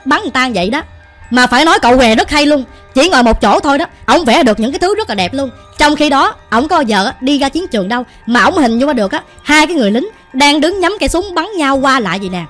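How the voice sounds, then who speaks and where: A woman's voice: high-pitched, fairly bright tone. A woman with a Southern Vietnamese accent, telling a ghost story in a chatty, colloquial way. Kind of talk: casual ghost story narration while cooking. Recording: light background music.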